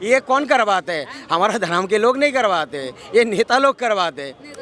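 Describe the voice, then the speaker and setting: A man's voice: high-pitched, lively intonation, moderate pace, bright, forceful tone. A man arguing insistently in a street interview, cutting in to be heard. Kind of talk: heated street debate. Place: outdoors on a city street. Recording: street crowd behind. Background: crowd of bystanders.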